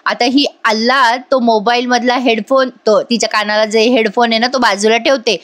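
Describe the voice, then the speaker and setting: A woman with a fairly high voice gives a voice-over recap of a TV serial. She talks straight to her viewers in a chatty way, laughs often, and acts out the characters' lines. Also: fairly even intonation, normal speed, fairly bright tone. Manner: addresses viewers directly. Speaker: TV serial reviewer.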